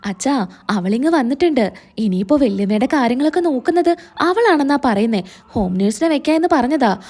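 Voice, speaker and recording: A woman's voice: high voice, animated, fairly quick, mellow. A woman voicing a scheming, jealous young niece who sneers and complains. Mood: scornful.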